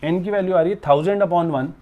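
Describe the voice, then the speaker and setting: A man's voice: high voice, a little fast, narrow, tinny audio. A man giving a physics lesson at a board, explaining step by step, often asking his students questions and calling them fondly by pet words, with mixed into his speech. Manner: calls students "beta" and "bachche" fondly; mixes English terms into his speech. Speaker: physics teacher. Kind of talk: classroom lecture at a board.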